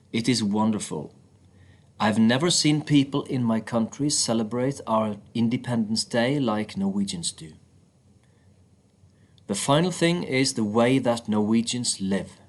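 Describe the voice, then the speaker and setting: Man, reading aloud from a book, mid-range voice, steady plain delivery. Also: medium pitch.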